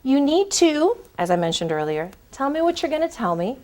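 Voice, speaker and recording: Emphatic woman recruiter, fairly high voice. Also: very animated, normal speed, darkish tone. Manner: conversational and emphatic, addressing the audience directly. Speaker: corporate recruiter. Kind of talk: career advice talk.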